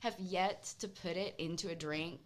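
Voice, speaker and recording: A woman's voice: lowish voice, fairly even intonation, normal speed, noisy background. A woman guest on a podcast, explaining spirits in an enthusiastic, knowledgeable way during casual chat. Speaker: mezcal brand guest.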